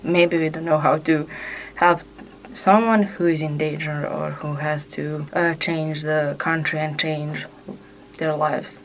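Woman, 20s, Serbian accent. Interview guest, conversational, fairly flat intonation, low register. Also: takes it slowly, poor audio. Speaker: interview guest, youth exchange participant.

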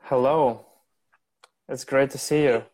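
A man's voice: medium pitch, fairly even intonation, takes it slowly, a little mellow, faint music behind. A young man hosting a casual podcast interview, asking loosely phrased questions in a hesitant way. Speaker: podcast host.

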